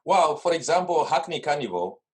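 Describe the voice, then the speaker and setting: With a slightly rough, somewhat high voice, a middle-aged Zimbabwean man speaks briskly and with big pitch swings. He is a carnival organiser guesting on a video call from his home studio desk, talking casually at length in rambling stories full of restarts.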